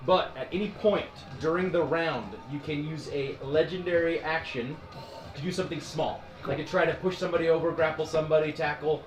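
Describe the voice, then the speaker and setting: A man narrating a tabletop game as game master, animated, laughing often and filling his speech with "like". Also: fairly high pitch, a little fast, reverberant, over music, low-quality recording.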